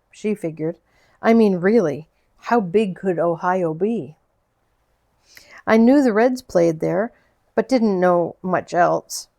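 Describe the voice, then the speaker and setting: Gentle woman reading a novel aloud. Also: medium pitch. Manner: gentle, unhurried storytelling with small slips. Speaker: audiobook narrator.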